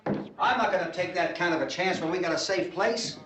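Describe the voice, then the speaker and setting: High-pitched panicky stubborn middle-aged dad arguing, old horror movie, echoey and distant. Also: male voice, fairly quick, a bit bright, a little hiss or hum. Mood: angry insistence. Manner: argumentative, insistent, agitated. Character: stubborn, frightened, abrasive middle-aged family man. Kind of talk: 1960s horror film acting. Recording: echoey old film sound, distant mic.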